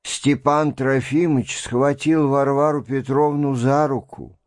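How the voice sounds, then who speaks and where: A man narrating a classic novel in a measured literary reading. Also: mid-range voice, fairly even intonation, no echo, studio quality. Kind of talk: scripted audiobook narration.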